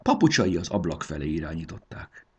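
A man narrating a storybook in an expressive, sing-song telling. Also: deep voice, highs cut off, a little hiss or hum.

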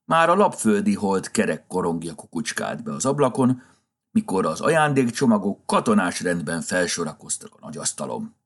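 A man narrating a children's story in an expressive, lilting manner. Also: low voice.

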